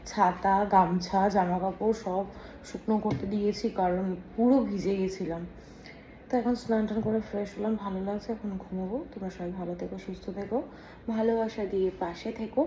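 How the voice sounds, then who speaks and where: A woman's voice: medium pitch, roomy sound. A woman vlogger, chatting casually to her viewers as she records on her phone. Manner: chatty, talks to viewers, softer and hushed at night. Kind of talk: casual vlog narration. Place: rainy outdoors and a hotel room. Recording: noisy phone vlog audio.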